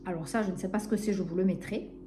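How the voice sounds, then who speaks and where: A woman's voice: lowish voice, rapid-fire, soft background music. A woman from Narbonne with a southern French accent, chatting casually and rambling a little in a book vlog. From Narbonne, southern France. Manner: chatty, rambling, warm enthusiasm. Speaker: book vlogger.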